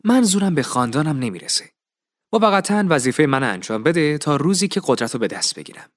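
A man voicing an earnest, calm young nobleman pleading his case with determination. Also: fairly high pitch.

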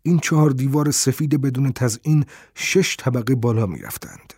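Guy reading a detective novel, steady and even, dark husky tone, dry studio sound. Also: medium pitch, no echo. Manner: steady first-person storytelling. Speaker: audiobook narrator. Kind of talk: scripted narration of a detective novel.

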